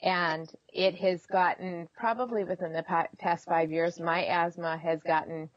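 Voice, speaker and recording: A middle-aged woman telling personal stories candidly in an expressive, conversational way, as an interview guest. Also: on the low side, a little slow, no room sound, lo-fi sound. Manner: expressive, acts out reported dialogue.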